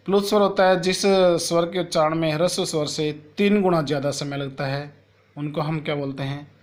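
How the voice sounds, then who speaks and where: A man teaching a school grammar lesson to children. He asks a question and then answers it himself, and he spells out sounds one at a time. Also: a little high. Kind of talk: classroom lesson explaining Hindi grammar to children.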